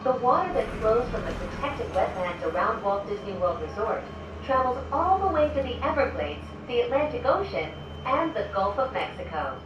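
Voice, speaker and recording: A woman's pre-recorded announcement plays through a small gondola cabin's loudspeaker, muffled and thin. Her delivery is a cheerful tour-guide lilt with a lively, swooping pitch set a little high. The voice rings around the cabin with heavy echo and arrives from a distance. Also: moderate pace, noisy background. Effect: played over a cabin loudspeaker. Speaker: transit announcer. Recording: echoey, muffled loudspeaker picked up from afar.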